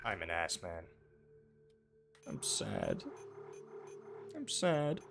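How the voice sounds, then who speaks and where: A man streaming a video game, giving casual, crude commentary with goofy loud outbursts. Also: sits low, huge pitch swings, drawn-out words, vocal fry, over loud music.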